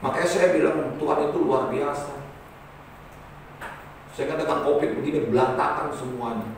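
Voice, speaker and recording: A male pastor preaching a sermon to his congregation, swinging between loud emphatic lines and quiet asides. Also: on the high side, fairly even intonation, normal speed, slight background noise. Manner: addresses the congregation as saudara. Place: church hall. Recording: very echoey church hall, mic at a distance.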